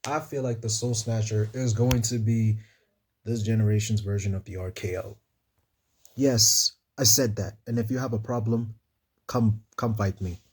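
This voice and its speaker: A man's voice: on the low side, steady tone, normal speed, a little mellow, husky. A man casually reviewing a wrestling show on his own, chatty and playful, talking straight to his viewers. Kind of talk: casual solo recap.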